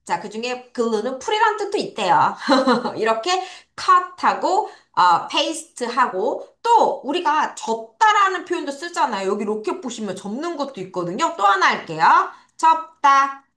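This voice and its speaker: Lively, bright-voiced woman English teacher. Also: sits high. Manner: asks questions and answers them herself, drills words by repetition; spells words letter by letter, slow drawn-out model pronunciation. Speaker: English teacher at a private academy. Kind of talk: online vocabulary lesson for children.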